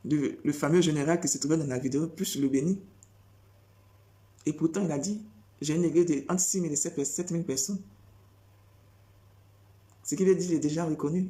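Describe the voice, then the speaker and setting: Une femme qui prêche sans notes, répète ses phrases et enchaîne les questions rhétoriques avec insistance. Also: female voice, lowish voice, warm tone. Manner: repetitive, rhetorical questions, emphatic. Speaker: preacher. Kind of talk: spontaneous preaching monologue.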